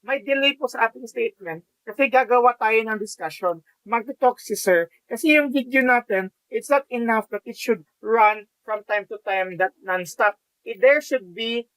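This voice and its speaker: A man with a Filipino accent, a math teacher educator walking students through a software tutorial, explaining step by step with fillers and restarts. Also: very high-pitched, normal speed, few pauses, clear, resonant tone, no echo, low-quality recording. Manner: explanatory, frequent fillers and restarts, mixes in Tagalog. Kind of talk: screen-recorded software tutorial.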